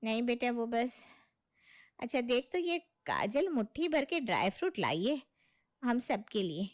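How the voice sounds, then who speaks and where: A woman's voice: on the high side, big pitch swings, measured pace. A woman voicing an affectionate elderly mother figure in a cartoon story. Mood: gentle.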